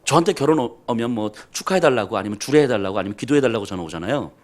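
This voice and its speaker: A man's voice: mid-range voice, expressive, rapid-fire. A man pastor preaching a sermon, telling self-deprecating stories with humor.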